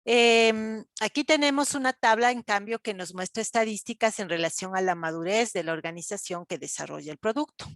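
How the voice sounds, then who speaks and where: Woman teacher, dry close sound, mid pitch, explanatory lecture with fillers. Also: fairly quick, no room sound. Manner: explanatory, frequent "¿sí?" check-ins and fillers. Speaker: university lecturer. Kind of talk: online class lecture.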